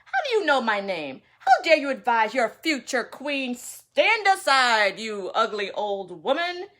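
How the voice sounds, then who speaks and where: A scornful young woman, greedy and bossy, barking orders at anyone in her path, as a woman reads her aloud. Her voice sits fairly high and turns loud and cutting when she scolds. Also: big pitch swings, a little slow. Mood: haughty scolding.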